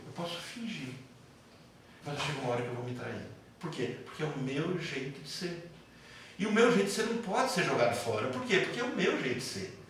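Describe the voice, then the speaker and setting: In an echoey classroom, a psychoanalysis teacher from the interior of São Paulo state, Brazil, lectures to a class in a light local accent of Brazilian Portuguese, recorded from a distance. His voice is a little high, there is slight background noise, and his conversational style is full of anecdotes and repetition.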